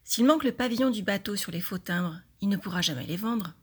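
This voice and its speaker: A woman's voice: mid-range voice, lively intonation, fairly quick, slightly rough. A woman voicing a young boy detective in a storybook reading, talking urgently and breathlessly. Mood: puzzled.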